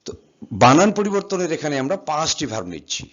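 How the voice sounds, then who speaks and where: A man's voice: on the high side, sing-song, fast, fairly bright tone. A man teaching an English grammar lesson, patiently spelling words out letter by letter and asking and answering his own questions. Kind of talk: classroom lesson explaining verb forms. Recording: slightly dull, lo-fi sound.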